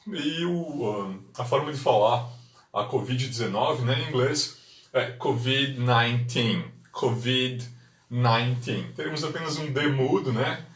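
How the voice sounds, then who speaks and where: A man from Brazil, hosting a live online English lesson, drilling words slowly and chatting with viewers. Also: mid-range voice, distant mic. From Concórdia, western Santa Catarina, Brazil. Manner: slow deliberate pronunciation drills, chatty asides to viewers. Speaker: English teacher hosting a livestream. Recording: echoey room, voice from away from the mic.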